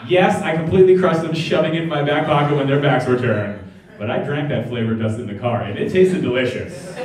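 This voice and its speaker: A man's voice: medium pitch, darkish tone. A young man doing a stand-up comedy set, rambling and mocking himself, with lots of "like" and "uh.". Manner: rambling, self-mocking, full of "like" and "uh". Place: comedy theater stage. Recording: echoey theater from far off. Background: audience laughter.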